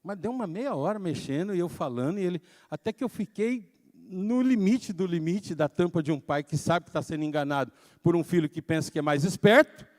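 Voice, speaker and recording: A man preaching a sermon as pastor, telling a story in an animated way that swings from soft to shouting. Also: high voice, a little fast. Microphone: handheld microphone.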